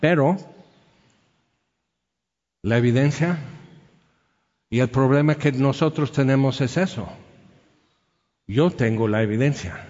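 A man's voice: mid-range voice, slow pace, long pauses, a little mellow, big-room sound, highs cut off. A man preaching a sermon, telling stories and acting out the quotes in them. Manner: storytelling with acted-out quotes. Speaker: pastor.

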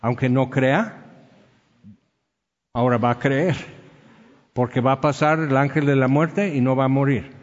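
A man's voice: medium pitch, steady tone, measured pace, long pauses, in a large hall, dull audio. A man preaching a sermon, telling stories and acting out the quotes in them. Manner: storytelling with acted-out quotes. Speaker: pastor.

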